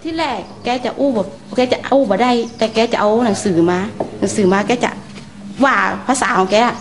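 A woman with a Northern Thai accent answers an interviewer's questions. She talks haltingly and repeats herself, in a fairly high voice. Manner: halting, repetitive speech. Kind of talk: casual interview.

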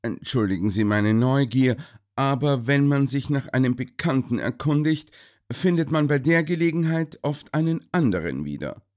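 A shrewd, calm detective reasons aloud in measured, thoughtful tones, as a male narrator voices him. His voice sits a little higher and moves lively through each point. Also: natural voice. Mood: explaining.

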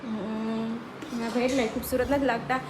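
A woman, chatting loudly and directly to her vlog viewers. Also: a little high, fairly even intonation, normal speed, background noise. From Gujarat, India. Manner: loud-voiced. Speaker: vlogger. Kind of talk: casual vlog narration. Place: roadside outdoors and at home.

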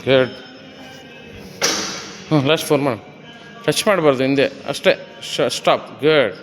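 A man's voice: medium pitch, unhurried. A man coaching his wife through a gym workout, giving short commands and counting reps. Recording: echoey gym hall with faint music.

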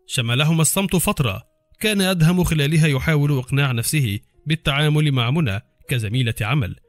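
Male audiobook narrator, measured and steady; dry studio sound with soft music bed. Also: on the high side, dry recording. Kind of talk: scripted novel narration.

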